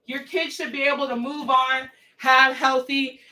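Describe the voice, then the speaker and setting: A woman's voice: high voice, flat delivery, bright, forceful tone. A young woman livestreaming a casual rant, blunt and profane, firing off exasperated rhetorical questions. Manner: rhetorical questions, drawn-out emphasis.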